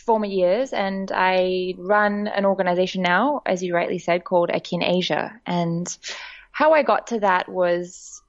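Chatty woman, lower voice, muffled sound. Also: measured pace. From Australia. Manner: warm, chatty storytelling with frequent laughs and fillers. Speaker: guest, director of a women's network. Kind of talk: podcast interview.

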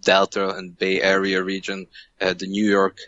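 A man from Hungary, a guest on a podcast interview, speaking in a measured way with many fillers and restarts. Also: low voice, completely flat delivery, a bit bright, no room sound, muffled recording. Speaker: guest, venture co-founder.

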